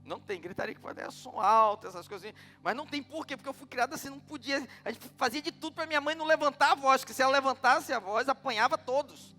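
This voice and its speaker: A man's voice: very high-pitched, quick pace, few pauses, bright, forceful tone, in a large hall, faint music behind. A middle-aged man with a Brazilian Portuguese accent preaching a sermon, telling stories and asking the congregation questions. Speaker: pastor.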